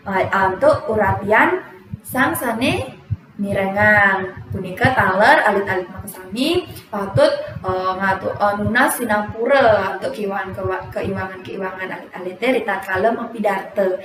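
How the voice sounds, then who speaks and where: A young woman teaches a formal lesson, her delivery measured and dotted with filler pauses. She sits back from the microphone, so the room answers her with a noticeable echo. A faint hiss runs underneath. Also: medium pitch, a bit bright. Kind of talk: teaching a lesson on Balinese speech. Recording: echoey room, voice from some distance, faint noise.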